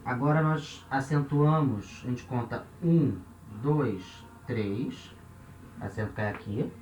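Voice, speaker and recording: A man's voice: medium pitch, slow pace, darkish tone, recorded from a distance, dull audio. A Brazilian man with a Brazilian Portuguese accent, teaching a lesson step by step, counting aloud and often checking with his listeners. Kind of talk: classroom lesson at a board. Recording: roomy echo, off-mic, faint hiss.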